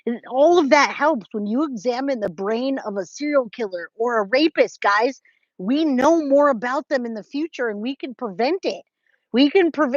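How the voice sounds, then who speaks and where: On a lo-fi recording with no room sound, a California woman in her forties speaks at a fairly high pitch while hosting a true crime livestream. She chats casually in reply to viewers' comments, calling them guys, babe, and my love. Her manner is informal and emphatic, with frequent repetition for effect.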